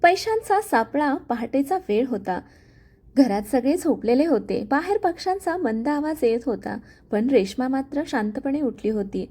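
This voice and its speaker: A woman narrates a scripted family drama in a dramatic storytelling manner. Her voice sits fairly high and sounds mellow and warm. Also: lively intonation, moderate pace.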